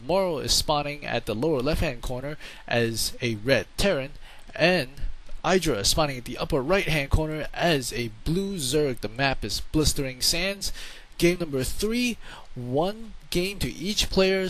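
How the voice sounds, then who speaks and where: A man's voice: on the high side, a bit bright, rough recording. A man giving casual, rambling play-by-play commentary on a strategy game into a home microphone, often repeating words for emphasis.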